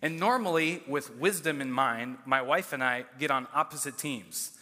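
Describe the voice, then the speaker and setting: A man in his thirties preaching a sermon as pastor, telling a story with animated, self-mocking energy. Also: mid-range voice, moderate pace, long reverb tail.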